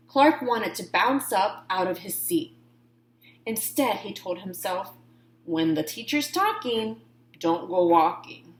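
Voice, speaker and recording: A medium-pitched woman reads a picture book aloud to kids, giving key words dramatic weight and slipping in casual asides, with a roomy sound to the recording.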